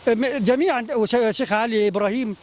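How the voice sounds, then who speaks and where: An Egyptian man answers interview questions in a quick, halting stream full of restarts and pious phrases. His voice is high for a man. The recording is dull and lo-fi. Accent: Egyptian Arabic. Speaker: community guest.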